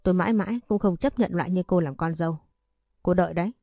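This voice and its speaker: A woman's voice: on the low side, fast, no echo, studio quality, faint music behind. A woman voicing a scornful, haughty middle-aged stepmother-in-law in a spoken story. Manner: contemptuous, shouting.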